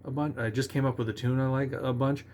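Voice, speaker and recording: A man giving a relaxed, conversational songwriting lesson, talking with restarts and sometimes singing short nonsense syllables as examples. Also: mid-range voice, fast. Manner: self-assured about his own lyric writing. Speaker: songwriting teacher. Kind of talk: casual instructional talk.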